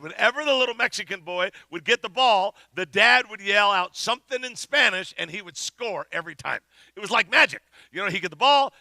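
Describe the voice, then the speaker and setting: A middle-aged man preaches with animated storytelling, his voice pitched high with a gravelly edge. The tone is sharply bright, and he sometimes rises to a shout. The sound is dry and close. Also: no echo. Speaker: pastor. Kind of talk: sermon with storytelling.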